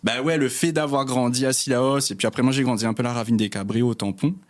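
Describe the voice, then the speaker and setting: A young man talks casually as an interview guest. His voice sits at an ordinary middle pitch, and he rambles gently with fillers and easy laughs. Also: quick pace. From Réunion. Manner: relaxed, many fillers, laughs easily. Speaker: guest, cartographer.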